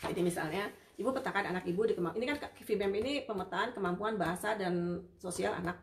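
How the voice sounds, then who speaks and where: A woman therapist hosting a casual live-stream Q&A, chatty and warm with viewers, full of hesitations and fillers. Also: mid-range voice, quick pace, a little hiss or hum. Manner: warm and apologetic toward viewers. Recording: roomy sound, distant from the mic.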